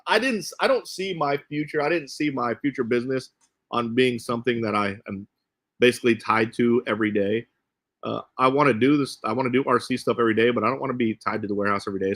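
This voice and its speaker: A man's voice: medium pitch, fairly bright tone. Rambling man chatting casually on a livestream. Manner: rambling, restates phrases. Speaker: host of an RC car channel. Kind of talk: casual livestream chat to viewers. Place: indoors in a cluttered warehouse.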